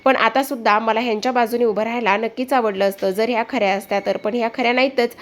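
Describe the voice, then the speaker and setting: A woman voicing a blunt, sharp-tongued woman making insistent accusations in a retold serial. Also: on the high side, steady tone, fast talker, close to an everyday voice. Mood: accusing.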